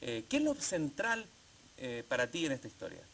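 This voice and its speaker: A man hosting an interview program, speaking in a measured way and stretching some phrases slowly. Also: medium pitch, wildly swooping pitch, creaky, a bit bright, a little hiss or hum. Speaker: TV program host.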